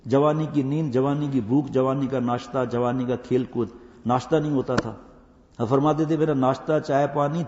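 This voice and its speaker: An older man giving a religious talk to madrasa students, telling stories with impassioned swings between loud urging and slow hushed passages. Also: medium pitch. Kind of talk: Urdu religious talk with anecdotes. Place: mosque or madrasa hall. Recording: echoey hall, dull lo-fi recording.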